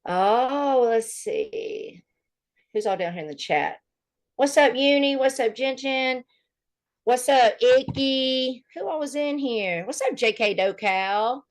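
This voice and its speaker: A woman's voice: high voice, slow pace. A woman co-hosting a livestream in casual, chatty talk, her voice running through a heavily compressed microphone. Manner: chatty, laughs often, loud bursts. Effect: heavily compressed mic. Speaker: livestream co-host. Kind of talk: casual chat. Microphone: streaming mic with compressor.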